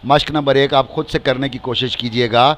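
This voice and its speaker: A man with a Pakistani accent teaching a language lesson, slowly repeating each word and then giving its translation. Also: medium pitch, steady tone, a bit bright. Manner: slow and repetitive, stretching each word and repeating phrases with translations.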